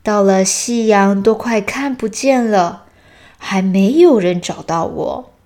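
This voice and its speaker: A playful father bear telling his cub a story in a children's storybook, read by a woman. He speaks at a mid pitch and a slow, unhurried pace, in a calm storytelling way.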